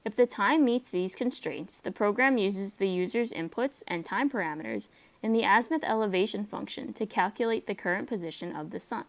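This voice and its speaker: A woman's voice: mid-range voice, brisk. A young adult woman reading a step-by-step technical script as a student presenter.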